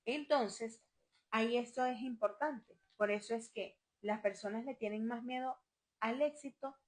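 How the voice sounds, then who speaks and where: A woman's voice: fairly high pitch, measured pace. A woman giving a live talk on parenting, speaking emphatically and repeating her questions.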